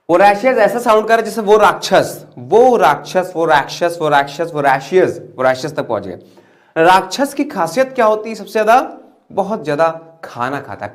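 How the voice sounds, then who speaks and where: A man with a fairly high-pitched voice gives a vocabulary lesson. He repeats each word several times and keeps asking his class rhetorical questions, speaking to them as children. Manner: drills words by repetition and asks rhetorical questions; addresses viewers as children. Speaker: English vocabulary teacher.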